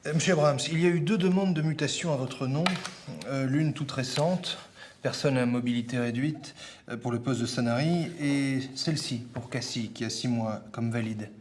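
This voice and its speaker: An actor playing a formal, suspicious civil service official in an office scene. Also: male voice, mid-range voice, normal speed, darkish tone, slight background noise, lightly acted.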